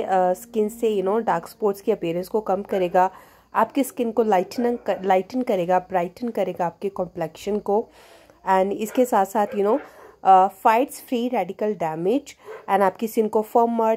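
A woman's voice: medium pitch, a little mellow. A woman in her thirties with an Indian English accent, talking into the camera in a small room about a skincare kit, mixing Hindi and English and dropping in "you know" often. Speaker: beauty vlogger. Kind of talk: product review vlog.

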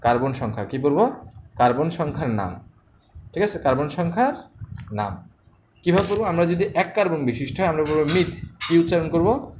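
A man's voice: a little high, animated, fairly quick, pauses often, darkish tone. A man teaching chemistry to a class, asking questions and repeating the answers. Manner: quizzes students with repeated questions. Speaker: chemistry tutor. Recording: noisy screen-recorded class.

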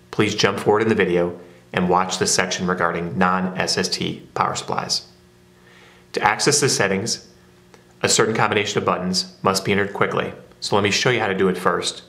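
Deep-voiced man giving plain how-to steps. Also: fairly even intonation, a little fast, pushed and bright. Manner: plain, methodical instructions. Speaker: product demonstrator. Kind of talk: step-by-step how-to narration. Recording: roomy echo.

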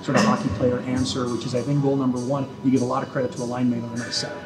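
A man's voice: mid-range voice, little pitch movement, racing, music in the background, low-quality recording. A man interviewing a hockey player after a game, chatty with long setup questions, on a handheld mic in an indoor ice arena. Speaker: team broadcaster.

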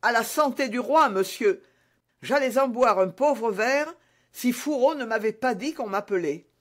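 A man's voice: extremely high pitch, animated, measured pace, pitched above the performer's own voice. A man voicing a frightened servant who stammers shakily in a storybook reading. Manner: shaky, stammering.

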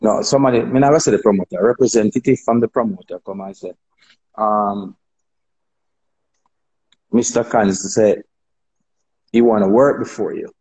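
A man with a Jamaican accent chatting on a phone livestream, telling animated stories, laughing and acting out dialogue. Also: lowish voice, moderate pace, long pauses. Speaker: dancehall artist on a live stream. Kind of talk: casual chat on a livestream.

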